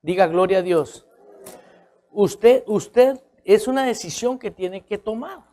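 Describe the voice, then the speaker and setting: A man's voice: sits high, expressive, takes it slowly, mellow. A male pastor, preaching a conversational sermon. He keeps checking in with his listeners and repeats key phrases for emphasis.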